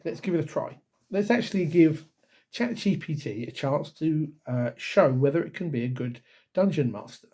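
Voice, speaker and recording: A man's voice: mid-range voice, warm tone. A man hosting his tabletop game channel, talking casually to his viewers while getting over a cough, rambling with lots of ums and corrections. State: recovering from a cough, slightly croaky. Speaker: YouTube D&D channel host. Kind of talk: casual vlog talk to camera.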